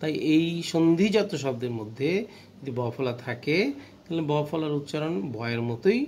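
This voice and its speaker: A man with a Bangladeshi Bengali accent teaches a grammar lesson in a fairly high voice. He spells out each rule slowly, repeats it, and checks in with questions. A faint room ambience sits behind him. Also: lively intonation, a little mellow, slight background noise. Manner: explains slowly, repeats rules, asks the class questions.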